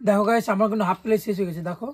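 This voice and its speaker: A woman's voice: mid-range voice, fairly even intonation, racing. A woman chatting casually and teasingly with viewers in a playful, giggly way during a food challenge. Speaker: vlogger doing a spicy noodle challenge. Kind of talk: casual chat and banter to viewers. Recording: clearly noisy background with clicks.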